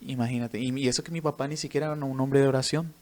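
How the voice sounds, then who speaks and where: A man's voice: medium pitch, steady tone, very fast, a little mellow. A man, a missionary preacher and musician, telling his faith testimony in an earnest storytelling way. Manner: earnest storytelling, tags sentences with a questioning "right?". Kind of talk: personal faith testimony in an interview.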